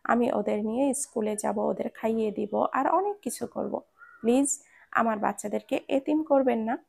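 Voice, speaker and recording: A woman's voice: a little high, moderate pace, vocal fry, a little mellow, slightly rough, heavily acted. Woman voicing a stubborn young bride. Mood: pleading. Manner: pleading, indignant.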